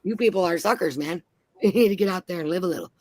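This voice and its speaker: A woman's voice: on the low side, fast, darkish tone, no echo. Blunt, foul-mouthed woman telling stories. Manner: blunt and heavily profane. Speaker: panel guest. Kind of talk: casual storytelling chat.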